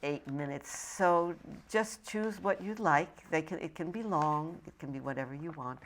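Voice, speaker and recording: A woman's voice: deep voice, normal speed, slight background noise. A woman hosting a public-access poetry interview, encouraging her guest with frequent affirming murmurs. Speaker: host. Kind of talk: casual interview chat.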